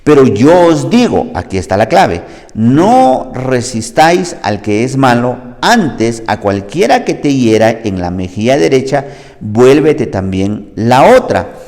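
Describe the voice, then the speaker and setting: Guatemalan pastor, male, mid-pitched, animated sermon delivery, church reverb. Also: slow pace. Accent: Guatemalan Spanish. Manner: animated, acts out dialogue with big pitch jumps. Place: church hall. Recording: long church-hall reverb.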